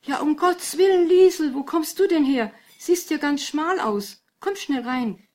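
A woman's voice: a little high, moderate pace, natural voice. A woman reading aloud and voicing a worried, fussing middle-aged mother with an anxious, fretful manner.

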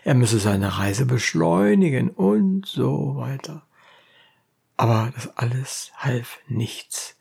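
A woman narrating a classic novel aloud in a measured storytelling manner. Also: extremely low pitch, animated, creaky, a little mellow, breathy edge. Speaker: audiobook narrator.

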